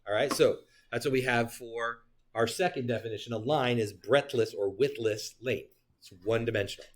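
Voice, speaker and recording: A man teaching a geometry class in a lively, talkative way. He keeps checking in with his students, and he throws in quick jokes and self-corrections as he explains. His voice sits at an ordinary middle pitch for a man. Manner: animated, joking asides, talks to students. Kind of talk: classroom lecture.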